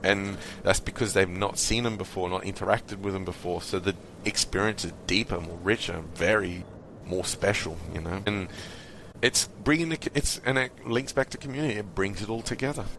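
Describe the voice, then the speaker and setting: Australian man, low voice, rambling chatty podcast host, faint hiss behind. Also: brisk. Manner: loose, rambling, swears casually, many restarts. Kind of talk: casual conversation.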